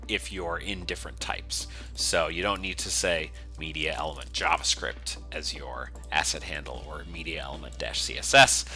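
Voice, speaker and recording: A software developer gives a coding tutorial in an unscripted screencast style, walking through each step casually and methodically. His voice sits low but sounds pushed and bright.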